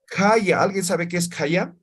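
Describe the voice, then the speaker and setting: A man's voice: high-pitched, animated, a little slow, noisy background. A man teaching a language class, explaining step by step and checking often that students follow. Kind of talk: classroom lesson.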